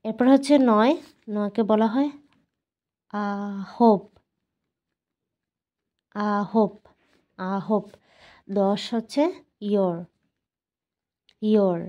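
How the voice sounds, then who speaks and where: A woman teaching Korean numbers to learners, explaining patiently and repeating each word slowly several times. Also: medium pitch, steady tone, muffled recording. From Bangladesh. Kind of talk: explaining and drilling pronunciation.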